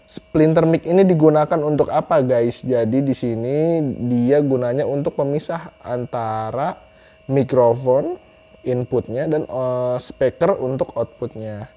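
A man's voice: mid-range voice, measured pace, dark tone. A young man giving a casual product review to camera, chatty and repeating phrases for emphasis, on a lapel mic indoors. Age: young adult. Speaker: YouTuber reviewing gear. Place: small room indoors. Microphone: clip-on lapel mic.

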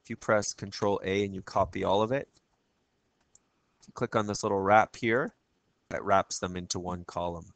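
A man with a froggy, croaky voice giving a casual screencast tutorial as a teacher, chatting through each step and often checking in with "okay?". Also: low voice, fairly even intonation, normal speed, pauses often, a bit bright, no room sound.

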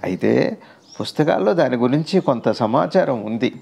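Gravelly-voiced man teaching spirituality. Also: medium pitch, lively intonation, brisk, a little mellow, lo-fi sound. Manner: explanatory, asks rhetorical questions, builds long lists. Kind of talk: conversational spiritual discourse.

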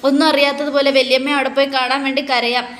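A woman's voice: high-pitched, level tone, quick pace, fairly bright tone, reverberant. A woman voicing a scheming, protective mother who talks in a calculating, placating way.

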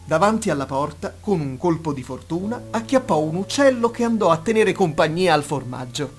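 Lively man narrating a bedtime fairy tale. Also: a little high, normal speed. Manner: expressive, lively storytelling. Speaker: storyteller. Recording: narration over soft instrumental music.

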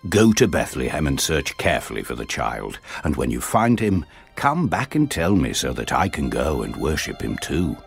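A man acting a scheming, menacing king in a Bible audio drama, gravelly, sly and commanding. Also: very deep voice, big pitch swings, normal speed, exaggerated voice. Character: scheming, menacing King Herod, a cunning ruler. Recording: music behind the voice.

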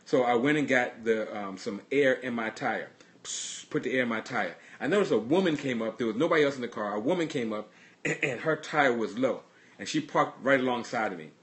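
A man pastor preaching in a casual livestreamed sermon. His voice sits in an ordinary middle register. He talks earnestly through personal stories, halting and repeating words as he goes. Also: medium pitch, animated, fairly bright tone. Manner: earnest storytelling.

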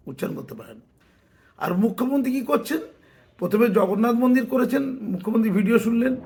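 Sarcastic commentator, gravelly and high. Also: male voice. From West Bengal. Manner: sarcastic, argumentative, mocking asides. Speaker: political commentator. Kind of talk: opinion commentary.

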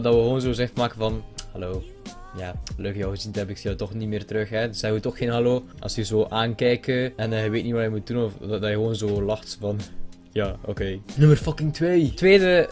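A young man with a Flemish accent rattles through a casual comedic vlog, his voice sitting at an ordinary middle pitch. He rambles, restarts and drops swear words into nearly every sentence. Light music hums faintly behind him. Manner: excitable, rambling, swears constantly. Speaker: YouTuber.

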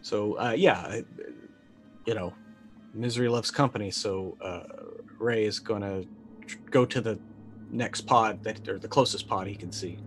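A middle-aged man in a tabletop roleplaying session describes what his character does in a casual, hesitant, thoughtful way. He's on a video call in an indoor room with music behind him; his fairly low voice is a little slow and the recording is rough.

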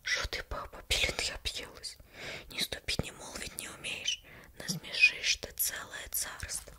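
A woman's voice: measured pace, lightly acted. Whispered role-play, woman acting an old henpecked fisherman, fairy tale, meek, weary, pleading. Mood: frightened protest. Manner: pleading, deferential.

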